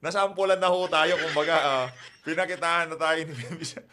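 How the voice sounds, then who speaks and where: A man's voice: fairly high pitch, a little fast. Emphatic man on a noisy recording. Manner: emphatic, repeats points for stress. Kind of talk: casual commentary.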